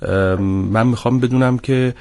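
A man's voice: mid-range voice, fairly even intonation, gravelly, a little mellow. A man hosting a panel discussion in a formal, courteous and deferential manner. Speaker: host.

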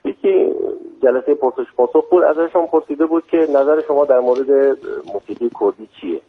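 A man's voice: medium pitch, husky. Kermanshahi-accented man on a phone line. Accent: Kermanshahi Persian. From Kermanshah, Iran. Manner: hesitant, many fillers. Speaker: guest singer and music teacher. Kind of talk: radio interview answers.

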